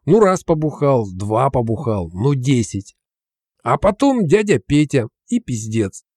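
A gruff, cocky uncle figure with powers beyond the living talks down in crude slang, as a man reads him out in an audiobook. The tone is dark and mellow and close to the mic in a dry room, with the swagger of a street tough who has seen it all. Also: medium pitch, very animated, unhurried, dry recording. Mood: brooding. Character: coarse, cocky middle-aged uncle spirit.

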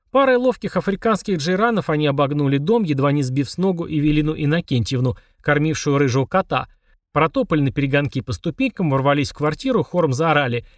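A man narrating a children's fantasy book aloud in an expressive, wry storytelling manner. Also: a little high, no room sound, clean studio sound. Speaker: audiobook reader.

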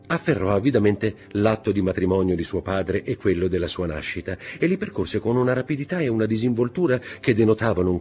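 A man reading a classic novel aloud in a measured storytelling manner. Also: low voice, darkish tone, breathy edge. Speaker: audiobook reader. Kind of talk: scripted literary narration.

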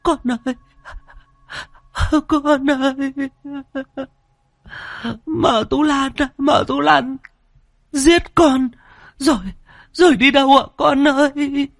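A man's voice: very high-pitched, slow, gravelly, pauses often, fairly bright tone, no room sound, studio quality, voice pushed up, heavily acted. A man voicing a grieving village mother who sobs and wails as she calls to her dead daughter. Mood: wailing. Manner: wailing, sobbing.

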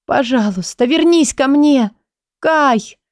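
A woman's voice: a little high, moderate pace, warm tone, no echo, clean studio sound, voice pushed up, close to an everyday voice. A woman voicing a young heroine desperately in love, pleading in a raised, emotional voice.

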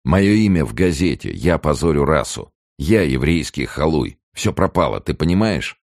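A man's voice: extremely low pitch, very animated, normal speed, darkish tone, no room sound, studio quality, pitched above the performer's own voice, heavily acted. A man reading an audiobook and voicing a selfish, cowardly young male student in a nervous, wheedling manner. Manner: anxious, wheedling, turning nasty.

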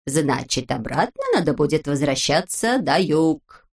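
A woman voicing a wise, calm little man from a storybook who patiently explains things to the others. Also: low voice, breathy edge, pitched below the performer's own voice, heavily acted. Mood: explaining. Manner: slow, explaining, measured.

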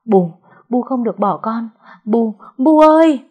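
A woman's voice: medium pitch, normal speed, breathy edge, close to an everyday voice. A woman voicing a grieving young son who wails and then turns harsh and violent in an audio story. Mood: grief-stricken. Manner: wailing, then harsh and shouting.

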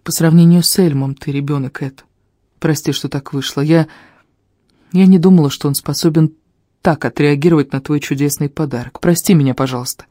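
A young woman singer speaks softly yet firmly, her words measured and steady, as an audiobook reader voices her. The tone is warm and mellow, recorded close and dry. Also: medium pitch, no room sound, natural voice. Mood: apologetic. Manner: soft but firm. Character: gentle young woman singer, now stern. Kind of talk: audiobook character voicing.

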